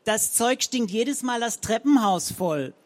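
A man voicing a spiteful, nagging middle-aged woman who scolds her neighbor loudly and shrilly. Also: extremely high pitch, animated, unhurried, voice pushed up. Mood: venomous scolding.

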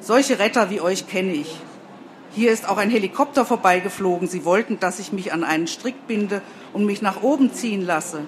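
A woman's voice: medium pitch, moderate pace, a little hiss or hum, lightly acted. A woman voicing a stubborn, tearful old man who refuses to leave his cow behind. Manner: stubborn, plaintive.

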